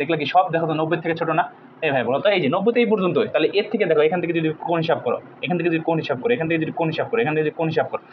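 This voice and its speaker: Young male math tutor, rapid, a bit high, quizzing and repeating answers, dull lo-fi recording with faint hiss. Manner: drills students with repeated call-and-response questions; jokey, informal and brotherly. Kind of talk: online math lesson.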